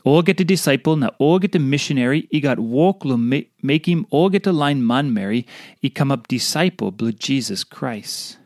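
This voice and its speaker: A man with a Papua New Guinean accent reads a devotional in Tok Pisin pidgin. His voice sits at a medium pitch in a dry, close recording. He delivers the script earnestly, one short phrase at a time. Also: darkish tone, no room sound. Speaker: devotional reader.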